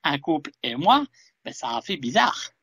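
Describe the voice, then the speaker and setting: A man being interviewed over a video call, talking hesitantly with frequent pauses. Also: on the high side, sing-song, bright, forceful tone, breathy edge, no room sound. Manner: hesitant, many fillers and restarts. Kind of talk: casual interview.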